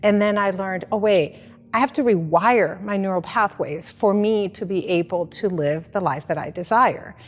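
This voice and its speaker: A woman's voice: medium pitch, moderate pace, in a large hall. Woman from the Dominican Republic, reflective. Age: 40s. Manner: reflective, earnest storytelling. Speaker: life coach. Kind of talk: personal story in an interview.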